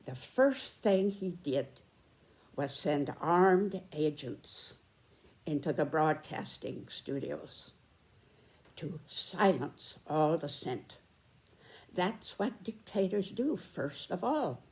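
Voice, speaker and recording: Very old American woman, slow and low. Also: animated, a little mellow. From United States. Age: 90s, very old. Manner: deliberate, earnest, emphatic phrasing with pauses. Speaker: video host, personal commentator. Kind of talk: reflective spoken commentary and reminiscence to camera.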